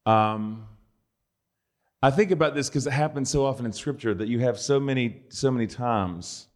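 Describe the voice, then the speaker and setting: A man giving a conversational sermon, with dry, joking asides. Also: mid-range voice. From United States. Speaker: preacher.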